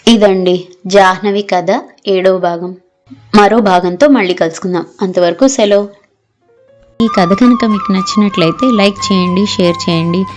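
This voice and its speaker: A woman narrating an audio novel in a steady, measured storytelling manner. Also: mid-range voice, soft background music.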